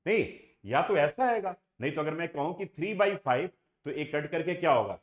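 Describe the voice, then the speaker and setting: Man, maths teacher, classroom lecture, fairly high voice, very animated pitch, repeats and quizzes. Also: a little fast, muffled recording. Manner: asks the class questions and repeats points. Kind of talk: classroom lecture mixing Hindi and English. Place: classroom with students and online viewers.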